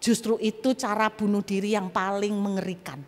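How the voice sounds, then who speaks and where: A woman's voice: medium pitch, little pitch movement, normal speed, darkish tone. A woman pastor giving a testimony sermon in a church auditorium, telling her story animatedly with sound effects and asides to the congregation. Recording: reverberant church hall.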